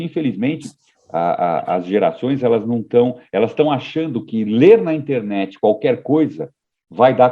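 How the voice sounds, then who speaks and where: A man talking on a podcast in a low, husky voice that swings widely in pitch. He thinks aloud, hesitating and restarting his sentences. The recording sounds dull and lo-fi. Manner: reflective, hesitant with repeated restarts. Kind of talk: casual podcast conversation.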